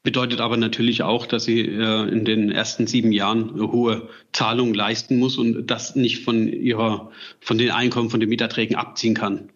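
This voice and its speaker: A man's voice: lowish voice, little pitch movement, normal speed, fairly bright tone, dull audio. A man explaining tax details matter-of-factly as a podcast guest expert.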